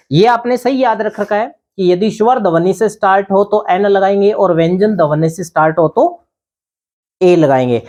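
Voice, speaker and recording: A man's voice: high voice, a little mellow. Guy teaching grammar class, asks his own questions then answers em, keeps checking "thik hai na". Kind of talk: grammar lesson.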